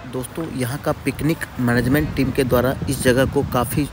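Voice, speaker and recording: A man's voice: medium pitch, steady tone, a little fast, noisy background. A man narrating a casual travel vlog at a riverside picnic spot, talking to viewers like friends. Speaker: travel vlogger.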